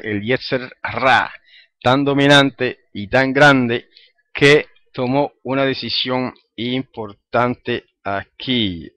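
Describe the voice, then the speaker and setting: A man teaching a Torah study class in Spanish, reading scripture verses slowly and then explaining them, checking in with his listeners through frequent tag questions. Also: medium pitch, a bit bright, no room sound, muffled recording. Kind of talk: Bible study lecture.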